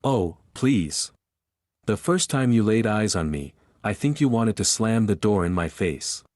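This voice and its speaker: A playful young woman who teases her partner in a snowball fight, as a male narrator reads her lines. The voice sits fairly low and the sound is dry and close, with no room around it. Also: lively intonation, unhurried, a little mellow, no room sound. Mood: teasing. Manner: teasing, playful.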